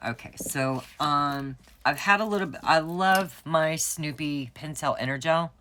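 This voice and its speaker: A woman's voice: sits low, a little slow, a bit bright. A woman, chatting and telling stories while setting up her planner at home. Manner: chatty, storytelling, laughs often. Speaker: planner vlogger. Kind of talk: casual chat while crafting.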